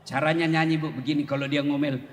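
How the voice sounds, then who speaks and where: A middle-aged man preaching a humorous sermon, joking with his listeners and slipping into slow crooned song lines. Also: a little high. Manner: animated, joking, breaks into slow singing. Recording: long hall reverb, faint noise.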